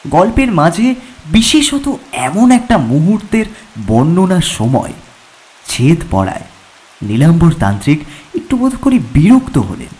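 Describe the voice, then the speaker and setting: Expressive male audio drama narrator. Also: a little high, a little slow. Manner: expressive storytelling.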